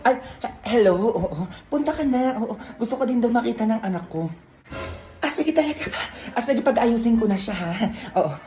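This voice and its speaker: A woman's voice: on the high side, expressive, normal speed, over music. A woman acting out family roles in a comedy skit, scolding and exasperated.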